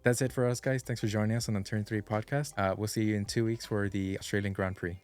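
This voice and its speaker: A man's voice: on the low side, fairly even intonation, fast, a little mellow, soft background music. A man co-hosting a podcast, chatting casually and joking with his co-host. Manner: laid-back, joking, teasing. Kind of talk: casual chat.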